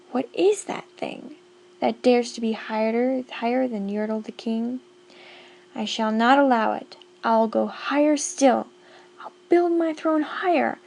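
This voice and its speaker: A woman's voice: a little high, vocal fry. Yertle, a woman doing a bellowing boastful turtle king. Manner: bellowing, bossy and loud.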